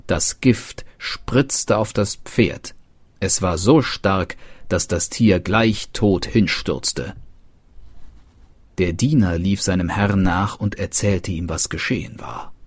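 Low, husky man telling a fairy tale. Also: dry recording. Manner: calm, measured storytelling. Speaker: narrator. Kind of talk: scripted fairy-tale narration.

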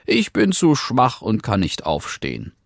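A frail old grandmother from a fairy tale, put on by a man reading aloud, calling out thin and weak from her bed. The voice leaps high within a lively range, captured dry and close. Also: measured pace, vocal fry, dry recording, exaggerated voice. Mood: feeble. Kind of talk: storybook reading.

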